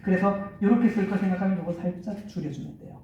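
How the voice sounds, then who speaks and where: A man's voice: high-pitched, steady tone, fast talker, lo-fi sound. A man teaching church sound, explaining mixer settings step by step and counting into a handheld mic in a large hall. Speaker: audio lecturer. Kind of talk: live hands-on sound workshop. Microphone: handheld microphone through a PA. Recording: roomy distant hall recording.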